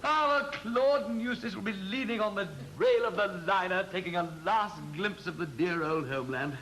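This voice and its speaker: An actor playing an amiable, dithering young gentleman with an upper-class English accent, exclaiming in period slang in a comedy. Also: high voice, moderate pace, a little hiss or hum, low-quality recording. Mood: relieved.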